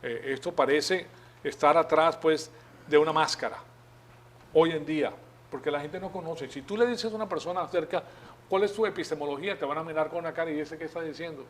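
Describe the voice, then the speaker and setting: A man's voice: on the high side, brisk. Man preaching a conversational teaching sermon. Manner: conversational, acts out questions, many fillers and restarts.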